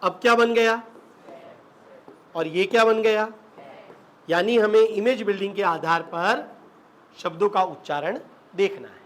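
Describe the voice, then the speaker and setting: A man's voice: high voice, unhurried, long pauses, a bit bright. A man teaching a classroom lesson on English spelling, asking the students questions and repeating them. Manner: slips into local Rajasthani dialect.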